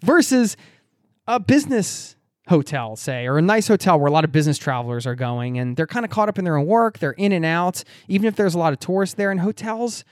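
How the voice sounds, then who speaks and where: A man's voice: a little high, a little fast, dry recording. Dry-sounding American male podcast host. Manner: reflective, animated storytelling with laughs. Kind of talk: podcast interview.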